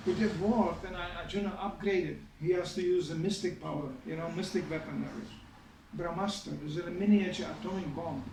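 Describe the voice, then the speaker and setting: A spiritual teacher giving a scripture class tells a sermon story in a high, fairly even voice at a brisk pace, chatting with the audience through many asides. The recording comes from an echoey hall with a distant mic and background noise.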